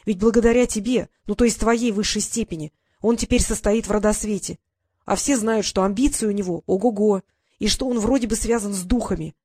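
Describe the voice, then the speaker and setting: A woman's voice: mid-range voice, a little fast, darkish tone, dry recording, studio quality, lightly acted. A woman voicing an earnest, talkative teenage boy who explains things at length. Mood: insistent.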